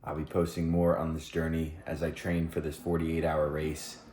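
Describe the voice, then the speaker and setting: A man's voice: very deep voice, monotone, moderate pace, darkish tone, a little hiss or hum. A man talking casually to camera over a meal at his mother's home, upbeat and joking. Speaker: vlogger and ultrarunner. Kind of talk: casual vlog talk to camera.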